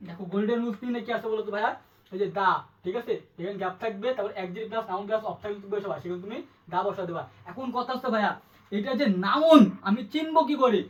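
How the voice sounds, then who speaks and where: Fast-talking high-voiced male tutor. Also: recorded from a distance, low-quality recording. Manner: quick, repetitive, asks the student questions. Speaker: English tutor. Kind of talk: exam-prep grammar lesson.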